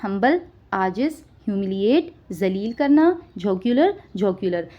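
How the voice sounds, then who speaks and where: A woman teaching vocabulary, listing each word with its meaning and often checking understanding with a quick question. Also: medium pitch, very animated, highs cut off. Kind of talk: spoken vocabulary lesson.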